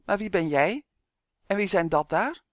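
A grave, dreamy forest spirit with a soft rustling voice, fond of his trees, as a man voices him in a storybook. Slightly high for a man, close and dry. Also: expressive, normal speed, dry recording. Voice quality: rustling, soft like birch leaves.

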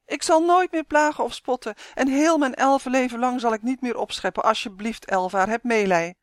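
A woman's voice: on the high side, normal speed, dry recording, pitched above the performer's own voice, close to an everyday voice. A woman playing a wailing little boy elf. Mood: pleading. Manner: wailing, pleading. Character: small mischievous male elf, show-off.

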